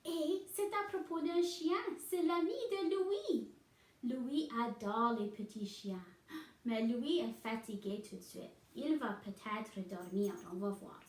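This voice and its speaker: A woman reads a picture book aloud to children and stops now and then to explain it. Her voice is high and her pace unhurried, and the room gives a roomy echo. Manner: pauses to explain the story. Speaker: reader.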